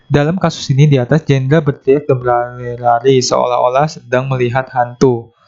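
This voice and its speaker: A man's voice: mid-range voice, little pitch movement, a little mellow. Man explaining grammar, lo-fi sound. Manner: explains step by step, slows down to read English options. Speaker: English teacher. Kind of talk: exam-prep lesson explanation.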